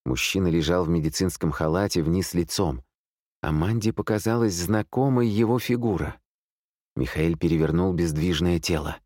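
A man narrating an audiobook thriller in a steady, suspenseful reading. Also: deep voice, moderate pace, no room sound, clean studio sound. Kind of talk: scripted narration.

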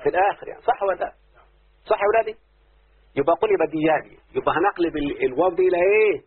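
A man's voice: high-pitched, rapid-fire, husky. A man with an Egyptian Arabic accent teaching a classroom lesson on word forms, constantly quizzing his students with repeated questions. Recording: tinny phone-like lo-fi recording.

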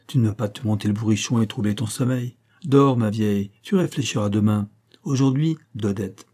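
A man's voice: on the low side, normal speed, warm tone, close to an everyday voice. A man voicing a short, cheerful young male actor who talks in a jovial, offhand way in an audiobook.

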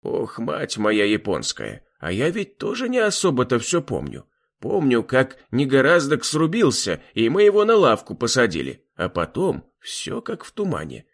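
A man voicing a gruff, sardonic old bearded man who talks bluntly and mockingly. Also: medium pitch, wildly swooping pitch, normal speed, exaggerated voice. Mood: wry.

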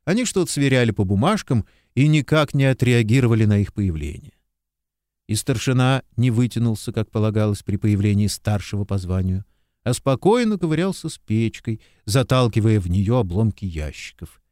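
A man narrating an audiobook in an expressive, measured storytelling voice, recorded close to the mic. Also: lowish voice, no echo. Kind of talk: scripted narration.

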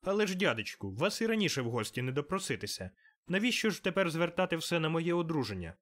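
A man's voice: on the high side, sing-song, quick pace, fairly bright tone, voice pushed up. Male reader doing cheery young nephew, raised voice, eager and pleading, audiobook. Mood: cheerful pleading. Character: cheerful warm-hearted young man, Scrooge's nephew. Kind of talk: audiobook character reading.

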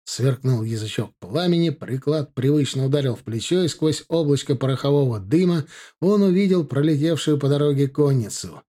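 A male audiobook narrator reads a historical war story. His delivery is steady and measured. The voice sits mid-range with a dark, mellow tone. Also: medium pitch. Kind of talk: scripted narration.

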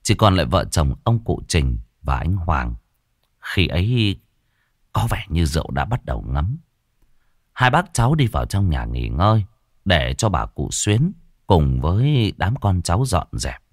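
Expressive male storyteller. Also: low voice, unhurried, dry recording, studio quality. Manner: expressive, dramatic. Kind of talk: ghost story narration.

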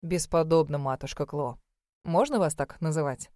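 A charming young man speaks drily and with gentle irony, his voice pitched low, as a woman reading an audiobook puts him on. The recording is close and dry. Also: normal speed, no room sound, lightly acted. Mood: teasing.

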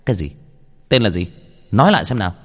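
A man voicing a composed young gentleman in a ghost story. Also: lowish voice, sing-song, quick pace, big-room sound. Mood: alarmed. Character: calm young gentleman turned frantic with grief.

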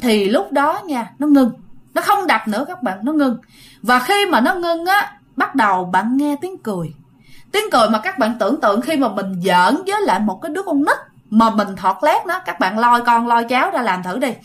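A high voice with big swings in pitch carries this ghost story at a normal speed. The woman, whose accent is Southern Vietnamese, keeps it chatty and casual, speaks directly to listeners, and acts out the quoted shouts.

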